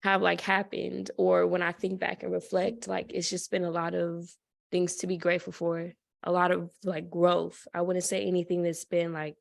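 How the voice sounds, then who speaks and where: Reflective young woman with gravelly voice. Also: lowish voice, monotone, normal speed. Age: 20s. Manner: reflective, grateful, with many fillers. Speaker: podcast co-host, student. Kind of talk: casual chat.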